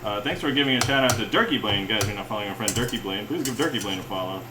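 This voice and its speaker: This cooking livestream host talks rapid-fire in a fairly low, relaxed voice, chuckling often and rambling as he welcomes viewers while cooking in his home kitchen. The audio is very noisy, the echoey space filled with loud cookware clatter, clinking cutlery, pots, and pans.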